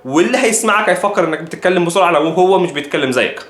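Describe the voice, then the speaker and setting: A man with an Egyptian Arabic accent teaching an English lesson, repeating phrases slowly and carefully. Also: sits high, expressive, fairly bright tone, roomy sound. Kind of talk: language lesson.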